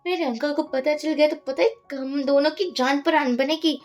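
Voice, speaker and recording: A woman's voice: high voice, steady tone, normal speed, darkish tone, soft background music, close to an everyday voice. A woman voicing an anxious young woman who speaks in a worried, warning way.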